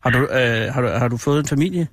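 A man's voice: mid-range voice, dry recording, studio quality. A man in his fifties hosting a radio show, chatting and teasing a caller with curious questions. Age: 50s. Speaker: radio host. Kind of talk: casual phone interview.

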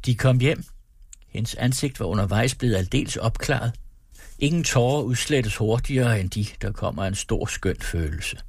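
A man reading a novel aloud on the radio in a measured way, with wry personal asides. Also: medium pitch, animated, husky, dry recording, studio quality. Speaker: radio reader.

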